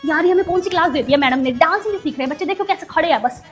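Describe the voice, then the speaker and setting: High-pitched cheeky woman in comedy skit. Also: racing, soft background music. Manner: cheeky, spoiled and boastful. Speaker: actor in comedy skits. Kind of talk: scripted comedy skit acting.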